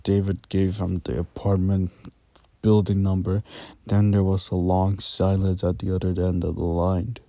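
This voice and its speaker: Male storyteller, deep and dark, slow and halting, scary story read. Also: completely flat delivery, no echo. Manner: stumbling, frequent restarts and asides. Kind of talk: reading a scary story aloud.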